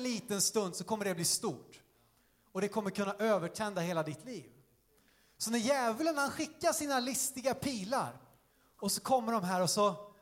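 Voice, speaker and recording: A high-voiced male preacher delivering a lively sermon in a church hall. He talks conversationally, full of fillers, and acts out his points with sudden shouts and sound effects. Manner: animated, demonstrative, conversational with many fillers.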